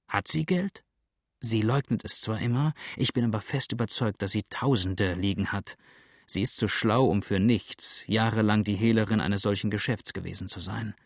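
A man doing a grim, hushed outlaw. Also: lowish voice, gravelly, no room sound, studio quality. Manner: hushed and urgent. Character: grim, wary adult male outlaw. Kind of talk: audiobook reading.

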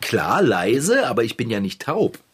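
A man playing an excitable, touchy bicycle tinkerer in a children's radio play, bickering and teasing defensively. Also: mid-range voice, a little slow, over a noisy crowd.

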